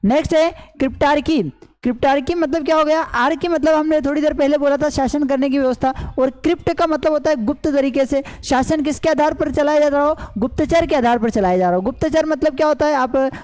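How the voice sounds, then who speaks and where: Woman tutor, high and mellow, slow and repetitive, with fillers and quiz-style questions. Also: low-quality recording. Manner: repetitive question-and-answer teaching, many fillers. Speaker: English vocabulary teacher. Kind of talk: explaining lesson in Hindi with English terms. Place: online class recording.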